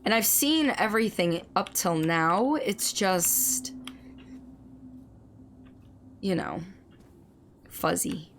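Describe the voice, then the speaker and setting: A woman streamer chatting through live gameplay commentary, reading and answering chat, her voice slightly hoarse as it recovers. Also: medium pitch, lively intonation, drawn-out words, pauses often, slight background noise.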